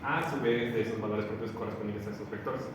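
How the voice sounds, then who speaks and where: A man's voice: on the low side, fast, recorded from a distance. A man teaching a class, explaining an assignment step by step and working through examples. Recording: echoey room, voice from afar, background noise.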